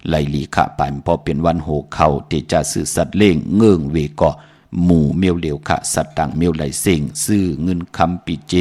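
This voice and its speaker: A man reciting rhythmic blessings and making announcements, with pauses and fillers. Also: very deep voice, a little mellow. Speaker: traditional Shan culture speaker.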